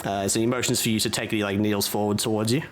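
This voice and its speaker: A man's voice: fairly low pitch, little pitch movement, very fast, music in the background. A man narrating as dungeon master in a loose, filler-heavy way. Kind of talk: narrating a tabletop game.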